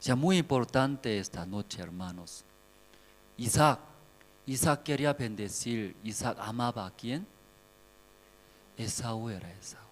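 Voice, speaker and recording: A male missionary pastor preaching at a Bible seminar, with slow, simple phrasing and many rhetorical questions to the audience. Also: medium pitch, expressive. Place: Bible seminar hall in a cold city. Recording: long hall reverb.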